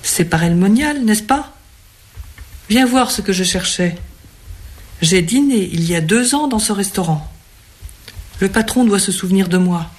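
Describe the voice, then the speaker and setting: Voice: mid-range voice, animated, unhurried, pauses often, natural voice. A reader voicing a suave, hungry middle-aged man who coaxes and commands in turn. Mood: coaxing. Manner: coaxing, imperious.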